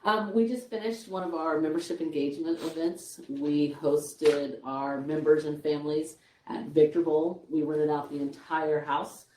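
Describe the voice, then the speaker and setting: A woman's voice: low voice, fairly even intonation, normal speed, a little mellow, recorded from a distance. A tired woman giving the teachers' union report at a school board meeting, chatty, with small laughs and restarts. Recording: echoey room, voice from off-mic.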